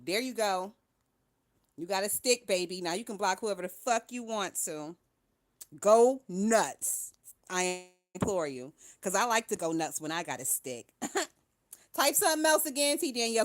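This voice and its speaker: Brief: young woman, livestream gossip host, brash and profane, quick laughs, loud then hushed. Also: medium pitch. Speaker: livestream host reading viewer chat. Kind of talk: casual profane gossip commentary.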